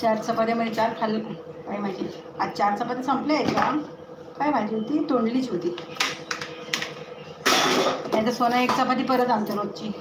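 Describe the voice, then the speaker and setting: A woman's voice: fairly high pitch, fairly even intonation, moderate pace, pauses often. A woman chatting at home in a casual vlog, coaxing and scolding her pets. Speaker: home vlogger. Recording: echoey room with loud background noise.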